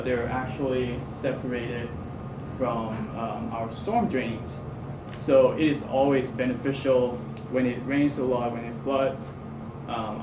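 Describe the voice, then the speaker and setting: A young man, giving a student presentation to a community group in a hesitant way, with many fillers and restarts. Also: mid-range voice. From Hong Kong. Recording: roomy, distant mic, noisy.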